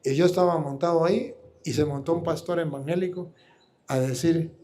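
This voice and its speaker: High-voiced combative priest. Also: male voice, steady tone, moderate pace, dark tone. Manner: combative, fires rhetorical questions. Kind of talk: preaching to a live audience.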